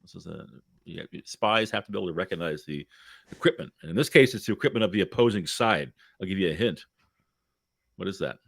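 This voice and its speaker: A man's voice: deep voice, lively intonation, fast, vocal fry, fairly bright tone, no echo, clean studio sound. A man co-hosting a podcast, chatting casually, who teases his co-host and laughs often. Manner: teasing, playful, laughs often. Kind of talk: casual chat.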